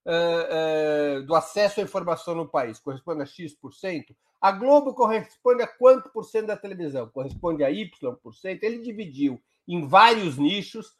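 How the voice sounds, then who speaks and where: A man's voice: high-pitched, animated, moderate pace, few pauses. A man with a Brazilian Portuguese accent, a guest commentator explaining politics live on a talk show in an emphatic, step-by-step way.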